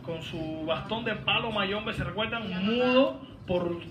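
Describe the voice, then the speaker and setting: Fervent pastor in an echoing hall. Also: male voice, high voice, slow pace. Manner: fervent, rising to shouts, teasing asides. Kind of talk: sermon. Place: large hall, voice heard from a distance. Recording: echoey hall, distant mic, background noise.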